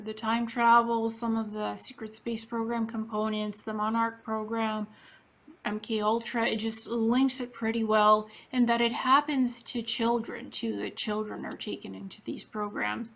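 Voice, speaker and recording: A woman's voice: a little high, level tone, a little slow, gravelly, a bit bright. A woman from Ukraine interviewing a guest in a casual, earnest, matter-of-fact way.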